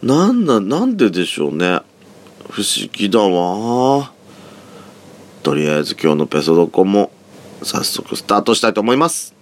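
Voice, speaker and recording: A man hosting a casual solo talk show from a room at home, chatting in a rambling way with soft feminine speech endings, his raspy voice still sleepy from just waking up. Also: lowish voice, sing-song, moderate pace. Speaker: solo podcast host. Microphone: phone app mic set back from the mouth. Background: faint background music.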